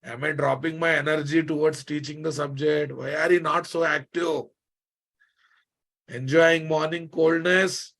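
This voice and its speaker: With a fairly high, evenly pitched voice and a measured pace, a Telugu-accented Indian man teaches a software class. He stresses points by repeating phrases and nudges his students with check questions.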